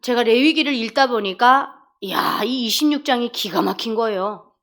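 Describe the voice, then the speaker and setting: A woman's voice: on the high side, normal speed, a bit bright. A woman from Korea, speaking, preaches a sermon as a deaconess. She tells stories, acts out dialogues and asks the congregation questions. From North Korea.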